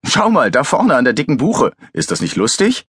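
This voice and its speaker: A man's voice: mid-range voice, wildly swooping pitch, normal speed, fairly bright tone, husky, no room sound, studio quality, voice pushed up, heavily acted. A man voicing a teasing, jovial male forensic pathologist who needles his grumpy friend in an audiobook. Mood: mocking glee. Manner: gleeful, needling, mock-exasperated.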